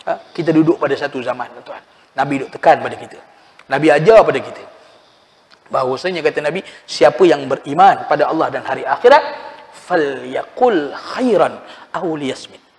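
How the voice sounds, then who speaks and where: A man's voice: on the high side, fast talker. A man preaching a mosque sermon, telling stories with animation and addressing his listeners directly. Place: mosque hall. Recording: long reverb in a mosque hall.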